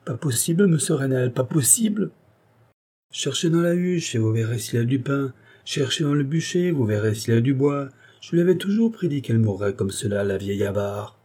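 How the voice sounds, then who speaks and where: A man's voice: mid-range voice, expressive, brisk, few pauses, mellow, close to an everyday voice. A man voicing a simple-hearted young village man, plaintive, earnest and tearful. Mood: grieving.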